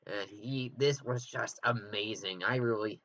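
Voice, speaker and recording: A director gives casual commentary on his own film, rambling and correcting himself with chuckling asides. His voice is lowish and fairly bright, and he speaks unhurriedly. The lo-fi recording sounds dull, with a faint hiss.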